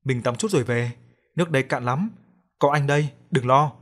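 A man's voice: mid-range voice, fairly quick, natural voice. A man voicing a young boy who looks after his little sister and calls out urgently. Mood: reassuring. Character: young boy, protective older brother.

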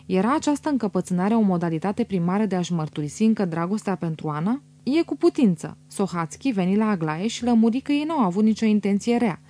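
A woman reading a novel as an audiobook in an even, measured way. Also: mid-range voice. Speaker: audiobook reader. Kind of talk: scripted audiobook narration.

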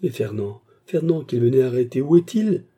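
A man reading aloud, voicing a frightened young woman who pleads in rising, anxious questions, in a husky voice. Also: mid-range voice, expressive, moderate pace, dark tone, pitched above the performer's own voice. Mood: panicked.

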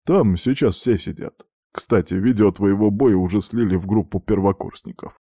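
A man's voice: on the low side, normal speed, dark tone, no room sound, studio quality. A man voicing a chubby, cheerful young male friend who talks in a friendly, chatty way.

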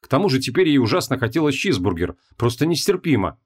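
A man narrating a fantasy audiobook in an even, measured storytelling manner. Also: mid-range voice, breathy edge. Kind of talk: scripted narration.

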